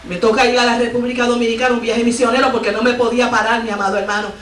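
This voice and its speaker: A woman missionary delivers a fervent Pentecostal sermon, weaving her story with cries of praise. Her voice sits high, and the church recording is echoey and taken from afar. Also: flat delivery, rapid-fire, fairly bright tone, recorded from a distance, a little hiss or hum. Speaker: missionary preacher. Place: church sanctuary.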